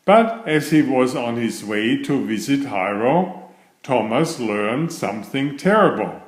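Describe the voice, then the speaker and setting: A man reading a children's bedtime story aloud in a deliberate, expressive storytelling manner. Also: mid-range voice. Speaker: storybook reader. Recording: roomy, echoey sound.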